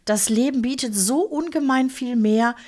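A woman voicing a calm, teasing female angel in biker leathers who speaks gently and familiarly, at times in a whisper. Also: on the high side, normal speed, pitched above the performer's own voice, close to an everyday voice.

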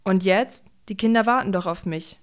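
An old, bearded Saint Nicholas who grumbles and mutters in a gruff way, as a woman puts him on. Her voice stays clear and smooth under the grumble, fitting a bedtime storybook. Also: mid-range voice, moderate pace, lightly acted.

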